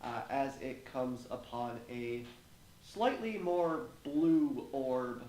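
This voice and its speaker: A man narrates part of a tabletop game and chats as a player, using filler words and jokey asides in a casual way. His medium-pitched voice is animated and a little mellow, and he takes it slowly. The room is echoey with faint noise.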